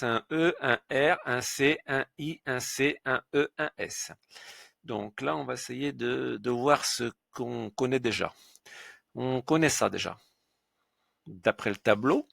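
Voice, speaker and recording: A man teaching French pronunciation in a slow instructional lesson, patiently spelling out sounds letter by letter. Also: mid-range voice, vocal fry, a bit bright, dry recording, studio quality.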